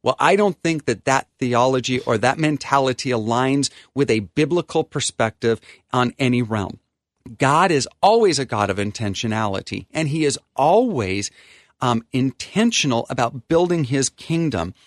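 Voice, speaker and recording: Lively, earnest attorney man. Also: medium pitch, moderate pace, no echo, studio quality. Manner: earnest, preacherly, restarts with ums. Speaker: attorney guest. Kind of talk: conversational talk on faith and estate planning.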